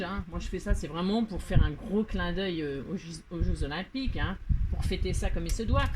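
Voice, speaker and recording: A French-accented woman talks her way through a card-making tutorial, chatty and joking at her own expense, with lots of hesitations and repeats. Her pitch sits mid-range for a woman. A steady background noise and clicking run under the recording. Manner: chatty and self-mocking, many fillers and repeated words. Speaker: crafting tutorial host. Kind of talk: casual crafting tutorial.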